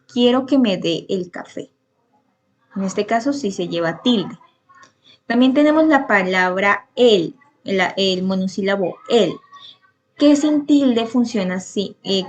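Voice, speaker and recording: A woman's voice: medium pitch, highs cut off. A woman teaching a spoken grammar lesson, patiently explaining rules with many examples and occasional restarts.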